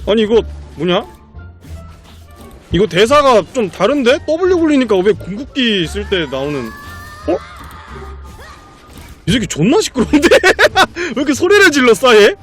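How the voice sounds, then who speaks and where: A male streamer commentating his own live game stream, excitable and profane, laughing often. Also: very high voice, measured pace, faint music behind.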